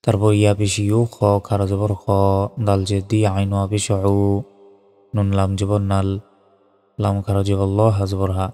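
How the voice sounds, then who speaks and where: In a reverberant recording with faint music, a man slowly spells out each letter and vowel of a Quranic word, then chants it melodically. His dark, lowish voice stays monotone, a little slow, with frequent pauses.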